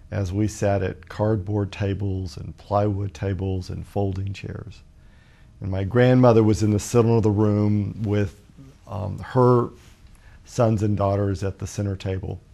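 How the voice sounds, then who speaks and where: Man in his fifties, from Alabama, gravelly, mellow tone, measured storytelling, talk show guest. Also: on the low side, little pitch movement. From Birmingham, Alabama, USA. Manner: measured and reflective, with frequent pauses. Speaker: guest author.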